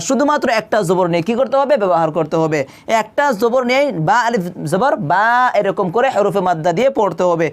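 Smooth, clear and mid-pitched, a Quran teacher's voice guides a tajweed lesson by naming each letter and vowel mark before drawing out the verse in lengthy recitation. Questions are repeatedly put to the listeners, and the teacher answers them.

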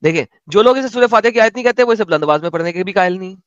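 A man's voice: high-pitched, animated, no room sound. A man hosting a casual chat, reading a text aloud and breaking in with sarcastic, mocking asides. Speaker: host. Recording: dull dry lo-fi audio.

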